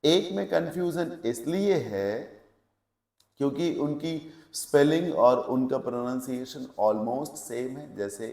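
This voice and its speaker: A man's voice: medium pitch, lively intonation, slow, darkish tone, reverberant. A male English teacher giving a lecture, explaining step by step and checking with questions, mixing English words into his Hindi. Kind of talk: classroom lecture.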